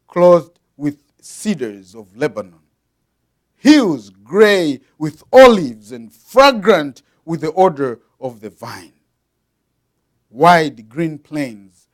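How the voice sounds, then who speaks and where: A Zambian man delivers a sermon, patiently explaining things to his congregation and reading aloud with sharp shifts in volume. His voice sits on the high side.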